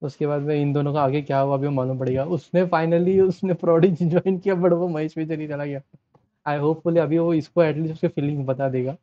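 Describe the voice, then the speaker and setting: A man's voice: a little high, fairly even intonation, a little fast, no echo. A young man casually commenting on a trailer, mixing in English and restarting phrases as he talks. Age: young adult. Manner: chatty, mixes Hindi and English, trails off and restarts. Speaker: trailer reaction host. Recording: dull, lo-fi dry sound.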